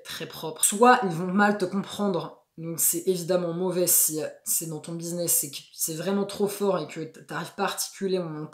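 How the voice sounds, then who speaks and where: Chatty woman in an echoey room. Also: on the low side. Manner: lively, chatty, uses slang fillers. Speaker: language-learning video host. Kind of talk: casual explanatory chat.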